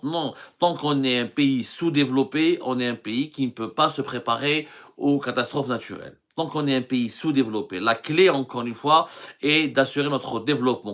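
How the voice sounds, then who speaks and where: A middle-aged Algerian journalist hosts a live stream, earnestly answering viewer questions with frequent hesitations and restarts. His medium-pitched voice is a bit bright.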